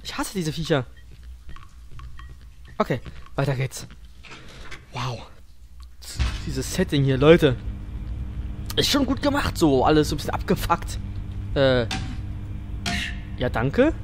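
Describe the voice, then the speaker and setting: A man's voice: a little high, lively intonation, takes it slowly, pauses often, slight background noise. Jumpy, scared male horror game streamer. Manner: crude, slangy, self-deprecating joking. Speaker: let's play streamer. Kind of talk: casual gaming commentary on a horror game.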